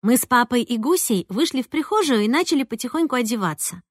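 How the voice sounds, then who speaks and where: A woman narrates a first-person story in a lively, conversational way. Her voice is a little high and recorded close and dry. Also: fast, dry recording. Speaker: audiobook reader.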